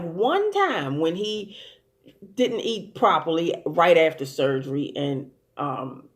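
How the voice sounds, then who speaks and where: A woman giving a casual recap and commentary on a TV episode, blunt and amused, swearing freely and using lots of fillers and restarts. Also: deep voice. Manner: rambling and profane, with many fillers and restarts. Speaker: TV show commentator.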